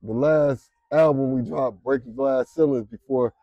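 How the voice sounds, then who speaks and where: Man, interview guest; relaxed, slangy delivery, warm low tone, dry close sound. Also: unhurried, no room sound, highs cut off. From Detroit, Michigan. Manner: laid-back, slangy, trails off with fillers. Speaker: interview guest, music promoter and rapper. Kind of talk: casual interview.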